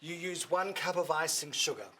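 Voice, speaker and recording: A man's voice: fairly high pitch, moderate pace, noisy background. A man with a New Zealand accent demonstrating a recipe on a cooking show, chatty and instructive with joking asides.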